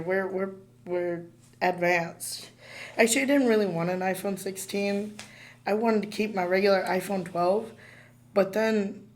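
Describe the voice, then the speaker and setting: Woman, hoarse squeaky voice, chatty podcast co-host, giggly, lots of ums and restarts. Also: a little mellow. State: hoarse, squeaky from dust allergy. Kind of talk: casual chat.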